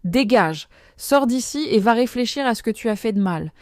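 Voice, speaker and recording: A man's voice: very high voice, expressive, normal speed, dry recording, studio quality. A woman doing an enraged, contemptuous husband. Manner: harsh, dismissive orders. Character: enraged, contemptuous husband throwing his wife out.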